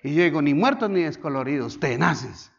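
A man's voice: on the high side, lively intonation, moderate pace, vocal fry, lo-fi sound. A male pastor with a Colombian accent preaching a sermon, repeating key words, urging the congregation to say them back, and acting out little scenes in shifting voices. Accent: Colombian Spanish. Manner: repetitive, exhortative, calls the congregation to repeat words.

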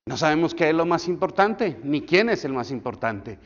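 A man in his forties, a pastor preaching a sermon in an animated way and acting out the voices he quotes. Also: on the high side, normal speed. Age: 40s. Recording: echoey hall, dull lo-fi sound.

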